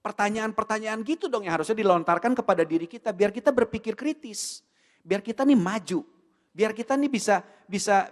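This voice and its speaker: A man with an Indonesian accent preaching a sermon in a church, animated and full of rhetorical questions, with English words mixed in. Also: sits high. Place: church hall. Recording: long hall reverb.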